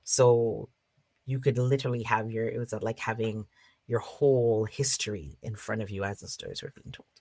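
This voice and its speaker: A woman storyteller speaking expressively about and in trickster tales, with dramatic pauses and drawn-out, emphatic words. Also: a bass voice, fairly even intonation, dark tone, no echo. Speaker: guest storyteller of Caribbean folklore.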